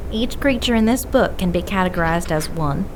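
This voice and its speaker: In an audio drama, a woman plays a stern occult expert investigator, a lore-expert detective who lectures firmly. Her voice is fairly low in pitch, animated, and close to an everyday voice, at normal speed, with a little hiss or hum on the recording.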